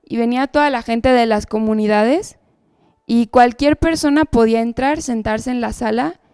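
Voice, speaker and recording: A woman shares her personal testimony at church in an earnest storytelling manner. Her fairly high voice carries a gravelly edge yet stays smooth and resonant. The recording is dry and close. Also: normal speed, warm tone, no room sound. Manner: earnest storytelling with frequent tag questions. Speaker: church speaker giving testimony.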